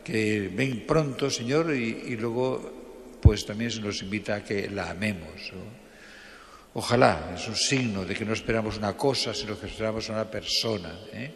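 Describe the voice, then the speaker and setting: A man's voice: fairly low pitch, normal speed, slight background noise. A man with a Spanish accent from Spain preaches an informal homily as a priest, conversational, repeating phrases and adding questioning tags, with cathedral echo. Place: church, indoors. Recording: reverberant church, long echo.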